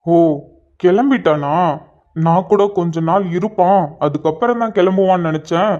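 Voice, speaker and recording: A man's voice: high-pitched, moderate pace, a little mellow, highs cut off, close to an everyday voice. A man voicing a snappish, vengeful young businessman in a cartoon. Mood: irritated. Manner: snappish, menacing. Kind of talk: cartoon voice acting.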